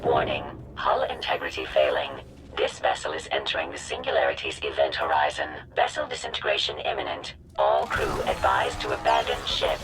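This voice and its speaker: A man voicing a calm male ship computer in a game, announcing warnings in a flat, measured way. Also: a bass voice, very noisy.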